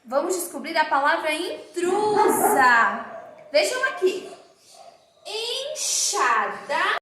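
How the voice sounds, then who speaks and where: A woman teacher leads a primary school phonics lesson and draws out each word slowly as she dictates. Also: high-pitched, very animated, fairly bright tone, a little hiss or hum. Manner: slow, drawn-out dictation of words. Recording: very echoey room.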